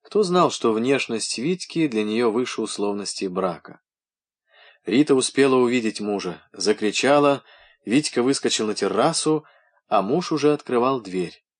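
A man reading a novella aloud as a first-person narrator, in measured literary storytelling. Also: medium pitch, expressive. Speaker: audiobook reader.

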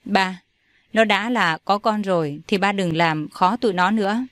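A young older brother trying to calm his angry father and frantic sister, as a woman reads him. He talks gently and soothingly, in the dry, close sound of an audio storybook. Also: medium pitch, a little slow, no echo, close to an everyday voice.

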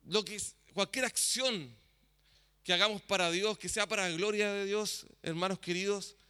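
A man with a high, bright, ringing voice gives a casual sermon with lots of fillers. His voice carries a long reverb, as if from a church hall. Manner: many fillers, asks "¿ya?" often. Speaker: worship leader.

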